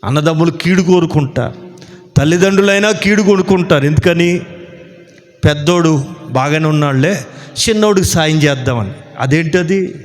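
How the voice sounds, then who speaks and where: Animated preaching man in a reverberant hall. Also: on the high side. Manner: animated preaching, rhetorical questions, slows for emphasis. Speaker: pastor. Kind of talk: sermon.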